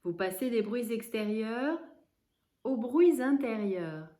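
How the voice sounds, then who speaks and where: A yoga nidra teacher, her voice fairly high, directs a guided relaxation. Her instructions come calmly and deliberately, with pauses.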